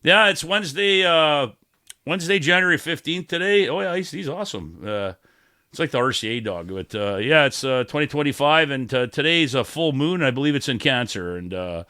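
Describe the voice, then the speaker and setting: A man chats as a podcast host. His delivery is animated, with a lively rise and fall, and his tone is sharp and forceful. He rambles along in a rowdy, irreverent, foul-mouthed style. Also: on the high side, a little fast, clear, resonant tone, no echo, clean studio sound. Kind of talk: rambling casual podcast chat.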